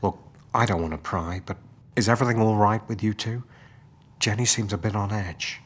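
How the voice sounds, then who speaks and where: A man playing a steady, reassuring army sergeant and loyal friend in a sci-fi audio drama, informal and confident. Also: lowish voice, a little fast, close to an everyday voice. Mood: concerned, reassuring.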